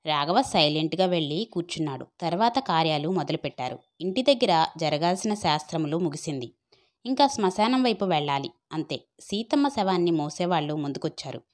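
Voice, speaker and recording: A woman narrating an audio story in a steady storytelling manner. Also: low-pitched, a little fast. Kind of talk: scripted narration.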